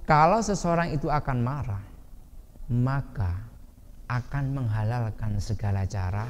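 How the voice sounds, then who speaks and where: A man with a Javanese accent giving a lively Islamic study sermon, asking his listeners questions and acting out angry shouting. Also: medium pitch, unhurried, slight background noise. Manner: lively, asks the audience questions, acts out shouting. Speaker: ustadz teaching a hadith class. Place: boarding school study hall. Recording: reverberant hall with faint ambience.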